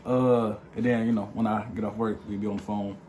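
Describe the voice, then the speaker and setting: A young man casually telling the story of how he met his partner, in a playful, slangy, animated way. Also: on the low side, brisk, a little hiss or hum. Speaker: vlog co-host.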